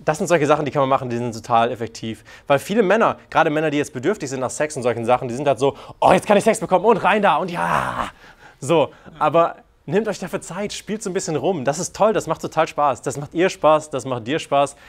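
A man giving casual dating advice, animated and crude, acting out quoted lines and joking frankly. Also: on the high side, fast, few pauses. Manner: animated, acts out quoted lines in put-on voices. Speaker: dating coach. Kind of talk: casual coaching talk.

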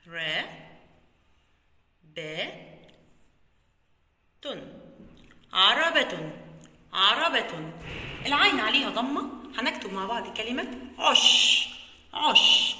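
A woman with an Egyptian Arabic accent teaches kindergarteners how to write a letter, slowly drawing out each sound. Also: fairly high pitch, big pitch swings, pushed and bright, echoey room, big-room sound. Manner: slow, drawn-out sounding of letters. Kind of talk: children's writing lesson.

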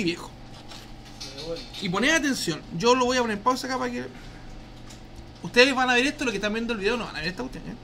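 Chatty Chilean teacher with slangy asides. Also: male voice, very high-pitched, pushed and bright, a little hiss or hum. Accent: Chilean Spanish. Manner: slangy, chatty, asks "¿ya?" often. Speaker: programming teacher. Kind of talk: live class, casual explaining. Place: classroom.

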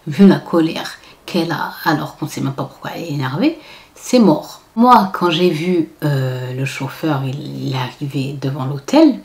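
A woman's voice: low voice, moderate pace. A woman vlogger telling a story in a casual storytime style, acting out the people she quotes and dropping to whispers for asides. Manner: animated, acts out quoted voices, drops to whispered asides.

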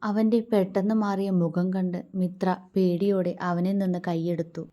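Warm, soft-voiced woman storyteller. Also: fairly low pitch, little pitch movement, moderate pace. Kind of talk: romance story narration.

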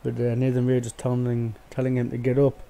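A man's voice: mid-range voice, completely flat delivery, a little fast, vocal fry, mellow. A man giving casual, swear-laden play-by-play commentary over a wrestling video game, rambling with fillers. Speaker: gaming YouTuber.

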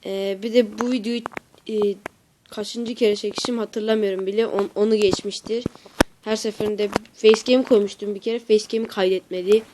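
A woman's voice: mid-range voice, steady tone, normal speed, background noise. A woman chatting casually to camera as a YouTuber, talking hesitantly and restarting her sentences. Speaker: YouTuber reacting to clips.

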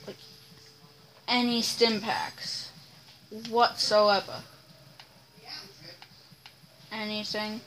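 A woman's voice: medium pitch, a bit bright, a little hiss or hum, low-quality recording. A woman giving casual commentary while playing a video game, talking to herself in an exasperated way. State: hiccuping. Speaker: gamer playing on a channel.

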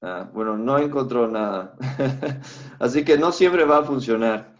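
A man teaching a live Hebrew class online, walking students through software on a shared screen and thinking aloud as he goes. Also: medium pitch. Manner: unhurried, thinks aloud with fillers. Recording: slightly dull lo-fi audio.

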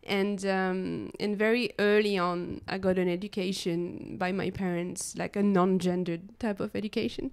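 A French woman in her thirties chats and giggles through a podcast, with frequent restarts. Her voice comes across smooth and clear. She holds a mic up close in a living room, and the sound is dry. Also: medium pitch, flat delivery, normal speed, few pauses, dry recording. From France. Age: 30s. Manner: giggly, many restarts and fillers. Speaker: podcast host, drone pilot. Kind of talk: casual podcast chat. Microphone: handheld dynamic mic.

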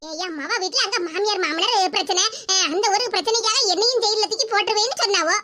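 A woman's voice: extremely high pitch, fast talker, over a noisy crowd. A woman voicing a scheming old grandmother who fakes chest pain, speaking with a Tirunelveli Tamil accent in a sly, theatrical, bossy way.

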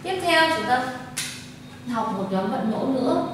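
A woman teaching a Chinese pronunciation lesson, slowly drilling each sound aloud for her students to repeat. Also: sits high, expressive, noisy background. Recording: echoey classroom from far off.

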